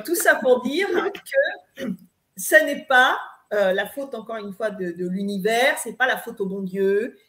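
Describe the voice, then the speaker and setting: A woman from eastern France giving emphatic spiritual advice on a live talk, lecturing with fillers and restarts. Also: medium pitch. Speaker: spiritual coach guest. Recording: roomy echo.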